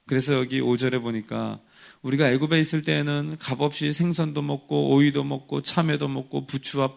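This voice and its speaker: Gravelly-voiced male pastor preaching. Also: mid-range voice, a little mellow. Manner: conversational preaching, acts out quoted complaints. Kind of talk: sermon.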